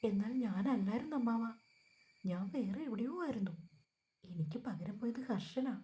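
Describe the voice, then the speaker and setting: A woman reading the part of a calm, vengeful young man who speaks in a controlled, cutting way. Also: on the high side, normal speed, natural voice. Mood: coldly mocking.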